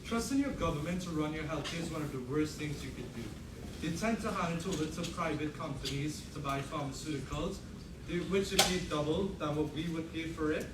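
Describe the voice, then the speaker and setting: Young guy debating, kinda high voice, mic far off, loud noisy room. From Trinidad and Tobago. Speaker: student debater. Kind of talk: debate argument. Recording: echoey room, distant mic, loud noise.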